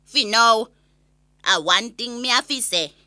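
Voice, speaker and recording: Casting: woman as opinionated Jamaican granny, high and very sharp voice, indignant gossipy comic monologue. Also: a little slow, dry recording, clean studio sound. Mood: knowing. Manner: gossipy, exasperated, animated storytelling. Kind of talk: comic monologue rant in an audio story.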